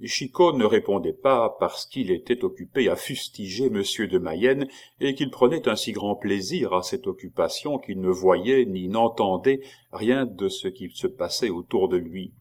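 Un homme qui lit un roman classique d'un ton posé et régulier. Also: male voice, lowish voice, a little slow. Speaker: audiobook narrator. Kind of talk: classic novel reading.

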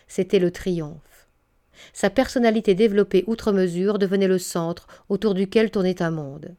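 A woman narrating a literary audiobook in a steady, measured way. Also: medium pitch.

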